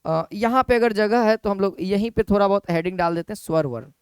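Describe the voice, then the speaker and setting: In a close, dry recording with almost no room sound, a man with a smooth, resonant, high-pitched voice teaches an exam-prep class at a brisk pace. He keeps repeating the key points and poses questions to his students, then answers them himself.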